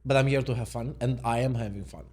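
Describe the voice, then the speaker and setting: A man's voice: mid-range voice, fast, a little mellow, slight background noise. Easygoing man musing aloud. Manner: musing, thinks aloud and questions what he reads; easygoing, laid-back. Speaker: mindset coach. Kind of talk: unscripted reaction video.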